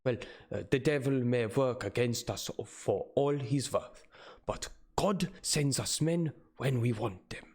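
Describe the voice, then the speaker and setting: A man's voice: mid-range voice, measured pace, a little mellow, close to an everyday voice. A man voicing a grave, anxious elderly professor in a hammy dramatic reading of a storybook. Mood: earnest, admiring.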